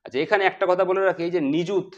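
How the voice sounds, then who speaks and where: A man's voice: high-pitched, fairly even intonation, rapid-fire, muffled recording. A man teaching basic math who keeps asking the class questions and answering them himself. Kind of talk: explaining math to students.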